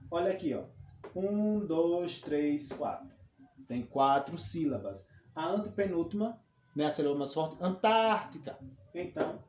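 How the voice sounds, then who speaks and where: Male teacher with a Brazilian Portuguese accent, slightly high voice, patient explainer, echoey room with faint hiss. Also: darkish tone. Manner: explains patiently, repeats points, checks with "ok?" and "tá bom?". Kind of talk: recorded classroom lesson.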